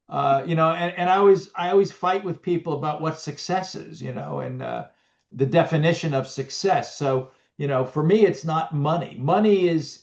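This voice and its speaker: Middle-aged man, guest on a video call, rambling with restarts, muffled sound. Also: a little high. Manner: rambling, many restarts and fillers. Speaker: business owner guest. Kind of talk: casual interview talk. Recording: muffled lo-fi audio.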